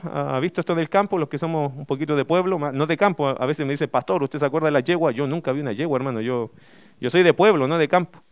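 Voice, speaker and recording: A man's voice: high voice, smooth, no room sound, clean studio sound. A middle-aged man, preaching a sermon as pastor, emphatic and full of rhetorical questions.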